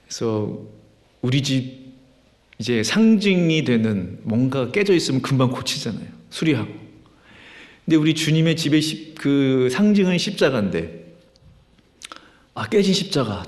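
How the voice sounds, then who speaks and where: A man's voice: mid-range voice, very animated, moderate pace. A man preaching a Sunday sermon as pastor, talking in a conversational way with many fillers and leading fervent prayer. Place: church sanctuary. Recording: long church reverb.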